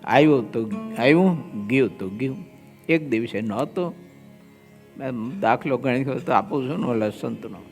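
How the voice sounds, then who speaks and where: A man's voice: mid-range voice, a little mellow. Man, Gujarati accent, swami, devotional discourse, storytelling with quoted voices, faint music behind. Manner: slow, drawn-out delivery with quoted voices in anecdotes. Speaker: swami giving a scripture discourse. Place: large assembly hall with long reverb.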